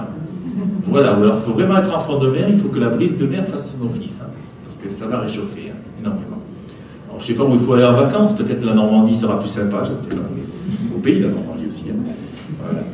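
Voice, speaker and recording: A man with a southwestern French accent talks a lecture audience through slides, his pitch rising and falling a lot and his tone warm and mellow. He is recorded from across an echoey room, with faint noise behind him. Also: distant mic. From southwest France. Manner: lively, chatty, peppered with "hein" and "d'accord". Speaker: meteorologist giving a public talk. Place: archive building lecture room.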